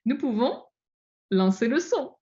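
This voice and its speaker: A woman's voice: high voice, takes it slowly. Easygoing French woman on dull lo-fi audio. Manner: relaxed, easygoing, laughs softly. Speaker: nature chronicle guest. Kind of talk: casual chat.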